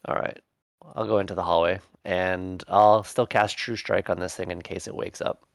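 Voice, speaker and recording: A man's voice: low voice, fairly even intonation, normal speed, creaky, dry recording, clean studio sound. A man talking casually as a player in a tabletop game.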